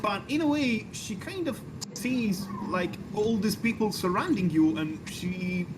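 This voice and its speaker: A man's voice: high-pitched, expressive, unhurried, background noise. A man acting as game master, narrating a tabletop game over voice chat in a playful, teasing way and repeating words as he thinks.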